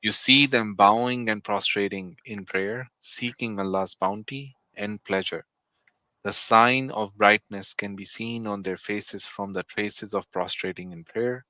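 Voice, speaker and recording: Man on a voice call, reads scripture, stops and corrects himself, bright crisp tone, dry close sound. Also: lowish voice, fairly even intonation, no room sound. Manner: halting Arabic recitation with self-corrections, then careful English translation. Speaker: participant reading scripture. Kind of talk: casual group call, reciting and translating.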